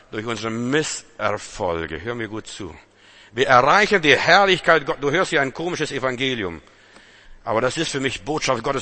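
A man preaching a sermon, dramatic and full of rhetorical questions, swinging between loud exhortation and hushed intensity. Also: medium pitch.

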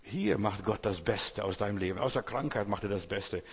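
Guy preaching a sermon, kinda husky voice, big echoey hall, talks right at you. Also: on the low side, normal speed. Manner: direct, addresses listener as du, emphatic repetition. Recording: long hall reverb.

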